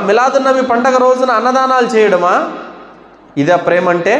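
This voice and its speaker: A man's voice: sits high, roomy sound, in a large hall. A man delivering a sermon as an Islamic preacher, asking rhetorical questions and rising into urgent exhortation.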